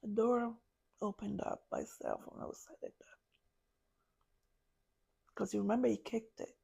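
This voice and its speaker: A woman, a podcast guest, recounting a personal story in a halting way, searching for words. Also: on the high side, steady tone, vocal fry, dark tone, breathy edge. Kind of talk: personal story told in an interview.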